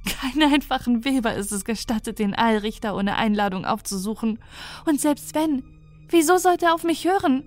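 A woman's voice: a little high, expressive, normal speed, pitched above the performer's own voice, natural voice. A woman voicing a young female alien weaver who pleads in fearful despair, over faint background music. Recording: dry close recording with faint music.

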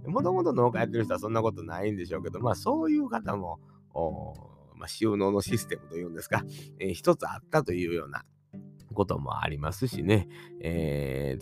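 A man with a Kansai accent hosting a solo podcast, musing in a folksy way that mixes formal endings with dialect and long drawn-out fillers. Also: low voice, gravelly. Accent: Kansai Japanese. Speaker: podcast host. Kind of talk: rambling solo podcast monologue.

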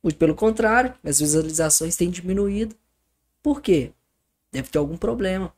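A man's voice: sits high, moderate pace. A man, a guest on a podcast, telling stories in casual talk and acting out the other people's lines. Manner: animated storyteller, acts out dialogue.

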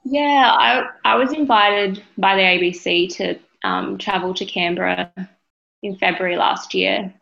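Aussie woman being interviewed, gravelly fry in her voice, thoughtful n hesitant, slightly muffled lo-fi audio. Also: medium pitch, fairly bright tone. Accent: Australian. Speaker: interview guest, parenting advocate. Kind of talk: conversational interview.

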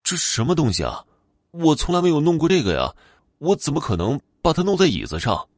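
A man voicing a frightened young man, pleading in quick, strained bursts. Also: lowish voice, lively intonation, dry recording, studio quality. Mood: protesting.

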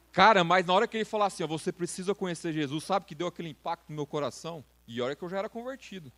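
A Brazilian man in his thirties preaches to young people, informal and full of slang. His voice sits high for a man, and he talks straight at his listeners. He sounds like a reserved man pushing himself to exhort. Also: expressive, fast, long pauses, fairly bright tone. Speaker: youth preacher. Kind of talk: sermon.

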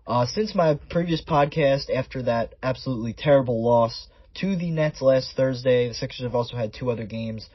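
A man's voice: medium pitch, moderate pace, few pauses, husky, no echo. A man hosting a solo sports podcast in a conversational, stat-by-stat way, his voice sounding muffled and underwater. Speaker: podcast host.

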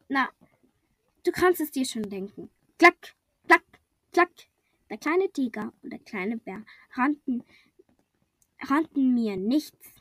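Female storybook reader, high and breathy, unhurried and playful. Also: no room sound. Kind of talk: children's storybook reading.

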